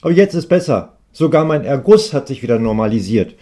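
A man's voice: mid-range voice, very animated, a little fast, warm tone, slight background noise, lightly acted. A man voicing a chatty, oversharing male student in his mid-twenties, who talks in a whiny, indignant way. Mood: complaining.

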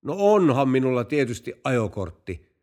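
A man's voice: medium pitch, sing-song. A man voicing a brazen male car driver in a told joke, curt and then innocently denying everything.

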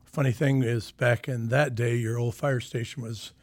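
A retired county sheriff in his sixties from Sioux City, Iowa, appears as a guest in a casual interview chat. His mid-range voice is steady and moderately paced on a dry recording as he easily reminisces about old times, trailing off with lots of fillers.

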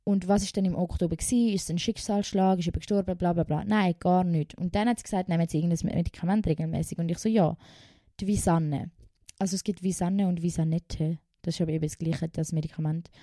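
A woman's voice: lowish voice, steady tone, brisk, warm tone, dry recording, clean studio sound. A young woman from Switzerland with a Swiss German accent, casually telling a personal story in a vlog, emotional and chatty, swearing now and then and dropping in English phrases. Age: young adult. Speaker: vlogger.

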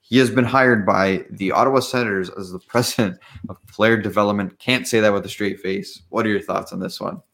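A man's voice: fairly low pitch, steady tone, fairly quick, vocal fry, a bit bright. A young man co-hosting a podcast, introducing topics in casual chat and laughing easily. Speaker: podcast co-host.

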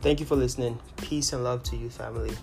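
A man's voice: mid-range voice, fairly even intonation, quick pace, creaky. A man speaks as a solo podcast host with little rise and fall in his voice. He is earnest and often rephrases himself. Music plays behind him, and he records with busy city noise outside. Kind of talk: solo motivational podcast monologue. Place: in noisy New York City, street noise outside.

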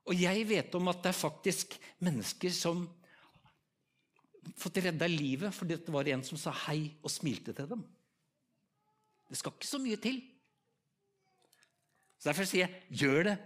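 A man's voice: high-pitched, a bit bright. A man with an Eastern Norwegian accent preaching a story-driven sermon, talking conversationally and putting direct questions to his audience.

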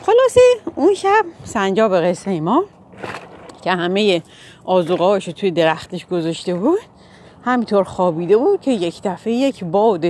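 A woman casually telling a children's story, pausing to explain animal names in English. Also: mid-range voice, big pitch swings, darkish tone, a little hiss or hum. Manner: casual, informal, with fillers and self-corrections.

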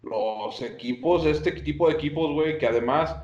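A man's voice: fairly high pitch, moderate pace, darkish tone. A man with a Mexican accent co-hosting a casual chat, talking in profane, slangy street language. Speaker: podcast co-host. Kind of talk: casual chat, sports opinion. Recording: dull, roomy sound.

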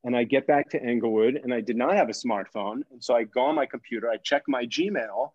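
A man tells a story with breathless, animated energy, leaning on "like" as he goes and slipping into the voices of the people in it. The sound is dry and close, with a slightly muffled, lo-fi tone. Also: mid-range voice, a little fast, dry recording. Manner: excitable, heavy use of "like", acts out voices. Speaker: podcast co-host telling a guest story.

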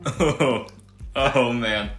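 A man's voice: medium pitch, very slow, a bit bright, roomy sound, soft background music. An easygoing man chatting casually while tasting hot peppers and explaining heat ratings. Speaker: vlog co-host.

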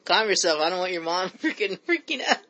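A man's voice: high voice, big pitch swings, fairly quick, bright, forceful tone, low-quality recording. A man hosting a casual chat, rambling with frequent stammered restarts. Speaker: host.

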